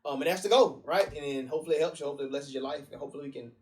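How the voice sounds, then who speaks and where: A young man co-hosts a casual chat with a slightly high voice. He talks at a fast clip, colloquial and playful. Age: young adult. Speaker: co-host.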